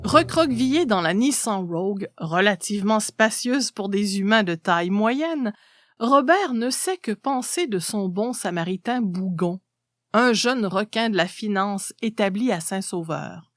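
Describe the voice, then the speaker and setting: A woman narrates a literary story in an expressive reading style. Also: mid-range voice, a little slow, dry recording, clean studio sound.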